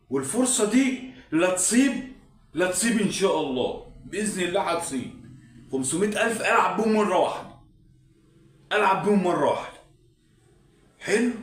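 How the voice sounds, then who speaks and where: A man's voice: fairly high pitch, close to an everyday voice. A man playing a desperate Egyptian gambler. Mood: hopeful. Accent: Egyptian Arabic. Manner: pleading, then frantic. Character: desperate male gambler selling his house. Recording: roomy, distant mic.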